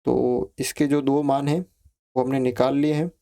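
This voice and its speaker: A man teaching a maths lesson, explaining each step slowly, counting values aloud and checking in with his students. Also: medium pitch, little pitch movement, gravelly, mellow. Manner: asks students questions, repeats phrases like ठीक है.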